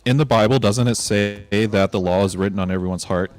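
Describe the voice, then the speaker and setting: Male panelist, low voice, slow and hesitant when arguing. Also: a little mellow. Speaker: debate panelist. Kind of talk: casual online debate.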